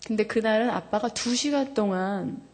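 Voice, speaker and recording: A woman in her thirties giving a testimony to a congregation, candid and animated, laughing often, her voice jumping high when she gets excited. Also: normal speed. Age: 30s. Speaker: church member giving testimony.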